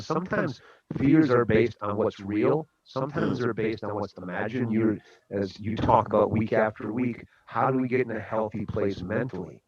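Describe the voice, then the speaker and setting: A man's voice: lowish voice, dull audio. A man who is a guest speaker on a radio talk show, telling a story and giving a motivational talk in an earnest way.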